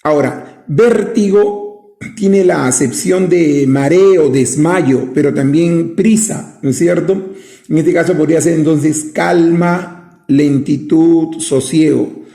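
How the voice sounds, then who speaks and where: Male teacher, slow and deliberate, gravelly, higher-pitched voice, echoey room. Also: dark tone. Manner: slow, drawn-out, asks rhetorical questions. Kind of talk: recorded lesson.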